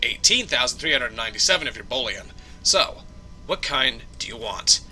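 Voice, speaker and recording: A man's voice: medium pitch, lively intonation, normal speed, sharp tone, a little hiss or hum. A man voicing a world-weary male bartender at a busy space trade station, speaking dryly and patiently. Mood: lecturing. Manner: dry, patient, lecturing.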